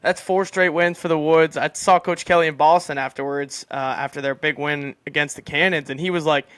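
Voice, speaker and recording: A man co-hosting a sports podcast, giving steady analysis of a team's season. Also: fairly high pitch, fairly quick, clean tone, no echo. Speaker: podcast co-host.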